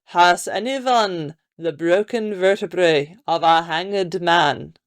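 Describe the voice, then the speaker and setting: A woman narrator puts on a grave Hungarian gentleman from a gothic storybook. He speaks very slowly, with courteous formality and a Hungarian accent. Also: on the low side. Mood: grave, polite. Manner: measured, courteous. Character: deep masculine Hungarian count, courteous and grave.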